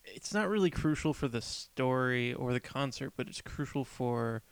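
A man's voice: medium pitch, normal speed, clean tone, no echo. Podcast co-host, male, easygoing recapper, clean voice, dry close mic. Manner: relaxed storytelling with fillers. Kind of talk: casual chat about a film.

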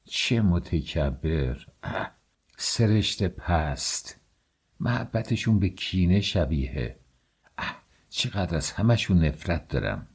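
A man's voice: deep voice, sing-song, a little mellow, full character voice. A man doing a bitter scornful young man.

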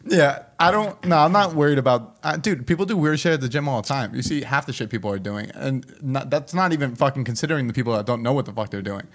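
A man's voice: mid-range voice, fast, few pauses, a bit bright. A young man in a casual chat with friends, talking bluntly and argumentatively with lots of profanity.

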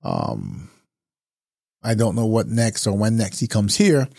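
A man's voice: lowish voice, huge pitch swings, takes it slowly, creaky, mellow, dry recording, studio quality. Reflective man hosting a solo podcast. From Barbados. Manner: reflective, conversational, with frequent fillers. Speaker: podcast host. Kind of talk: casual solo podcast talk.

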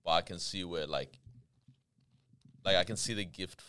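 A man's voice: low voice, moderate pace, bright, forceful tone, slight background noise. A man on a podcast chatting casually, with a joking, self-deprecating way of talking. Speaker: podcast speaker. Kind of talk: casual chat.

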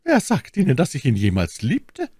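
A man's voice: mid-range voice, huge pitch swings, normal speed, warm tone, breathy edge, no echo, clean studio sound, pitched above the performer's own voice. A man voicing a cold, scheming young noblewoman with a cutting, mocking tone in an audiobook. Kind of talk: audiobook character voice.

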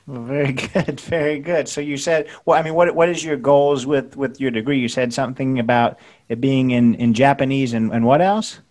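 A man's voice: medium pitch, normal speed, few pauses, darkish tone. A man hosting a casual interview podcast, often stumbling over and restarting his words. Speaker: podcast host.

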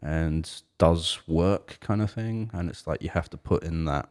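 A man with a very low, deep voice talks loosely about bands and touring. His speech wanders, padded with "like" and "kind of thing". It's the easy tone of a relaxed podcast chat. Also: measured pace. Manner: rambling, lots of "like" and "kind of thing". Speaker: podcast co-host. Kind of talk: casual chat about music.

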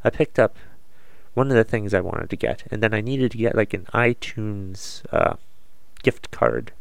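A podcast host with a cold, his voice slightly congested, lowish and creaky, delivers a casual, meandering solo monologue full of self-deprecation. There's no room sound.

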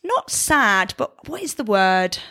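A woman's voice: medium pitch, sing-song, slow pace, sharp tone. A woman co-hosts a podcast in easygoing chat. She talks with animation, often restarting sentences and finishing her co-host's thoughts. She is recorded in a room with the door open. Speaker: podcast co-host. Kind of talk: casual chat.

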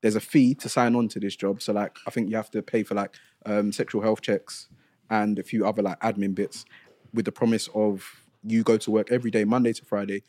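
A man's voice: lowish voice, flat delivery, brisk, darkish tone. A man co-hosting a podcast, reading out a news item in a loose, chatty way with filler ums. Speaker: podcast co-host. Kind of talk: casual chat and news segment.

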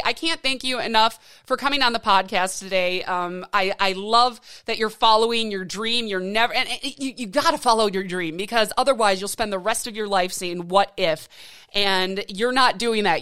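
A woman in her late thirties hosts a podcast in a casual interview chat, speaking earnestly and encouragingly but often restarting her sentences. Her mid-range voice is a bit bright, with a clean tone.

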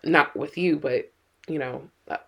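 A middle-aged woman co-hosts a casual podcast chat as a mother, speaking earnestly and with worry and often repeating her words. Her voice is low, husky, a bit bright, and a little slow.

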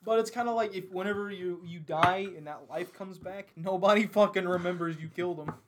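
A woman's voice: on the low side, fairly quick, noisy background. A woman hosting a podcast, reading out silly questions and riffing on them with profane, giggly humor. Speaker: podcast host asking questions. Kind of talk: crude casual banter.

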